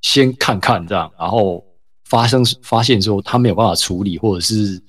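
A man from Taiwan telling a story in a relaxed, casual podcast chat, with many fillers. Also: lowish voice, normal speed, no room sound. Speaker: podcast co-host.

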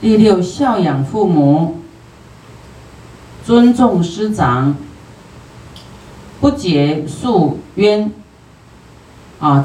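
Slow, roomy Taiwanese Mandarin Buddhist lecture. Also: mid-range voice, warm tone, slight background noise. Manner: homely, chatty, peppered with drawn-out particles. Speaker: Buddhist teacher. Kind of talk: sutra lecture sermon. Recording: roomy hall, distant from the mic.

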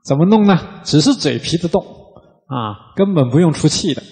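A man, a Buddhist monk, gives a casual, conversational dharma talk, often opening his phrases with a drawn-out "ah" and sometimes chanting quickly in rhythm. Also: fairly high pitch, expressive, a little mellow, big-room sound. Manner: demonstrates rapid rhythmic chanting.

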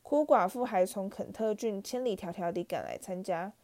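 Woman reader playing a stiff, touchy noble ghost; mellow, low-key storybook delivery. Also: moderate pace, natural voice. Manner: stiff, sulky pride.

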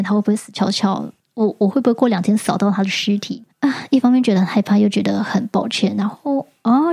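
Female podcast host, casual solo storytelling, lively and expressive, repeats words when flustered, mid-range voice. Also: medium pitch, creaky. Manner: animated, stammers and repeats words when retelling fright.

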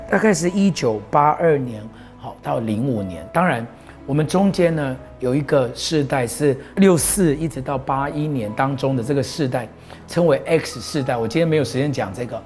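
A man's voice: medium pitch, a little mellow. A middle-aged man, a pastor giving an earnest, proclaiming talk that he mixes with personal stories. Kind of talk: preaching talk on a show.

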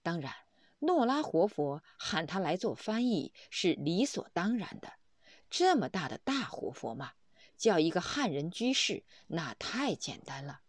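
A woman reading a Buddhist story aloud, animated and full of exclamations. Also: lowish voice, unhurried, no echo, studio quality. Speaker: reader of a Buddhist text.

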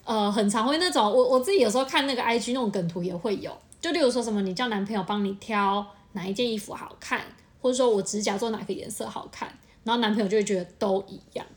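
A young woman with a Taiwanese Mandarin accent, co-hosting a podcast. She chats casually and candidly and reacts quickly. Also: mid-range voice. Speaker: podcast co-host. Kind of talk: casual chat.

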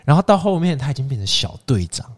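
A man co-hosting a podcast, telling a story in casual chat, animated and acting out the quotes with bursts of laughter. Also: mid-range voice, quick pace. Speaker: podcast co-host.

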